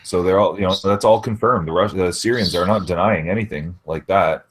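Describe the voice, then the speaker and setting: A man's voice: sits low, a little fast, slightly rough. A man in his forties, reading news aloud in a casual group voice chat with hesitant fillers. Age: 40s.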